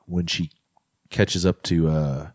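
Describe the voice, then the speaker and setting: Deep-voiced laid-back podcast guy. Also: steady tone, takes it slowly, a little mellow, no echo, clean studio sound. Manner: laid-back, slangy, swearing. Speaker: podcast co-host. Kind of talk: casual chat.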